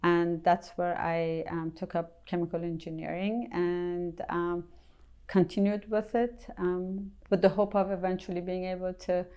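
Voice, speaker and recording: A middle-aged woman from Iran, a company president answering interview questions thoughtfully, pausing often with ums. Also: fairly low pitch, flat delivery, warm tone, clean tone. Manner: thoughtful, hesitant with many ums.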